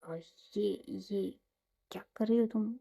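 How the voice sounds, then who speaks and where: A woman's voice: medium pitch, steady tone, slow, vocal fry, warm tone, breathy edge, dull audio, full character voice. A woman doing a shy, flustered young bride.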